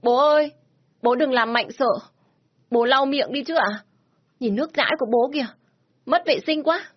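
A woman's voice: high voice, normal speed, dull audio, pitched above the performer's own voice. A woman voicing a frightened little boy who sobs and pleads with his sick father in an audio story. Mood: wailing. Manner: wailing, sobbing pleas.

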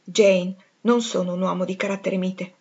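A woman voicing a proud, passionate gentleman in an audiobook reading, intense and pleading. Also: on the low side, little pitch movement, normal speed, slightly rough, muffled recording.

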